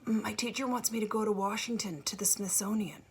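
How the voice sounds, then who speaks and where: A woman voicing a shy, nervous country boy who stammers and talks haltingly. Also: medium pitch, fairly even intonation, husky, pitched above the performer's own voice.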